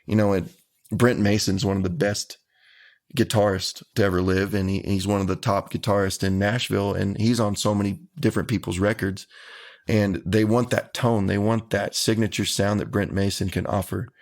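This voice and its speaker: A man talks about his music as an interview guest. His voice sits very low with a gravelly rasp, and his phrasing is earnest and folksy. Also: little pitch movement, moderate pace. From Texas. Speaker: country singer guest. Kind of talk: casual interview answers.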